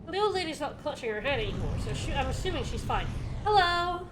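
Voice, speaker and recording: High-voiced woman joking over a video game. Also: sing-song, racing, noisy background. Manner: joking, sweary, wry. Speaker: video game let's play co-host. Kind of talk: casual gameplay banter.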